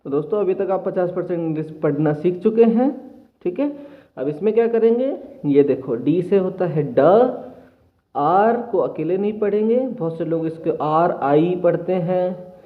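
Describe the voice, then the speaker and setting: A man teaching reading to children in a patient classroom manner, often repeating himself and sounding out letters slowly. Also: sits high. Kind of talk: classroom lesson. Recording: tinny phone-like audio. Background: children nearby.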